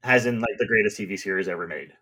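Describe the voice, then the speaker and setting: A man's voice: on the low side, fast, bright, forceful tone, husky. A man talking casually and enthusiastically about a film, rambling with lots of fillers.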